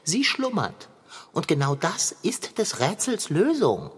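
A woman voicing a bossy know-it-all male cat in a children's radio play, with a husky voice and a theatrical, commanding manner. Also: fairly low pitch, wildly swooping pitch, slow pace, in a large hall, exaggerated voice. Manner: bossy, theatrical, ordering about.

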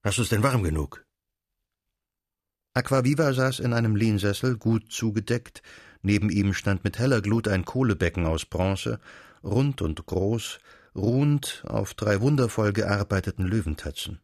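A man reading a literary story aloud, with measured storytelling and softly voiced dialogue. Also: on the low side, dry recording, studio quality. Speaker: narrator.

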